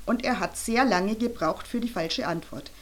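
A woman's voice: a little high, normal speed, lightly acted. A woman voicing a grim, scolding female teacher in an audiobook. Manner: hissing, grumbling, scolding.

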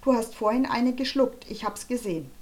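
A bubbly, boastful young girl, put on by a woman reading aloud, pitched a little higher than the narration and pushed louder. She sounds self-assured and a bit show-off, a storybook kid full of confidence. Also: expressive, a little fast, natural voice. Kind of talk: audiobook character voice.

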